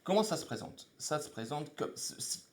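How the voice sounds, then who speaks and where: A man's voice: on the high side, very animated, normal speed. Chatty man explaining game rules. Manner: chatty, thinks aloud, greets viewers mid-explanation. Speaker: live-stream host. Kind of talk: casual board game rules explanation on a live stream. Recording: echoey room.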